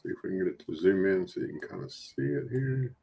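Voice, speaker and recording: Man, coin stream co-host, lowish voice, teasing banter. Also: expressive, creaky, mellow, slightly rough. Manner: teasing, quick banter between coin descriptions. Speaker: livestream coin seller. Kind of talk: casual livestream chat.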